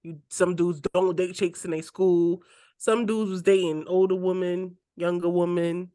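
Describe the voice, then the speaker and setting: Low-pitched, warm, and level, this twenties podcast co-host speaks unhurriedly in casual chat, teasing and swearing and frequently laughing. There's no echo on the recording.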